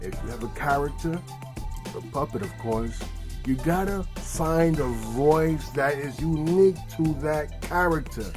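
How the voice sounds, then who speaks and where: A man's voice: a little high, a little slow, music in the background. A man teaching ventriloquism in an upbeat, slangy, chatty way. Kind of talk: casual tutorial.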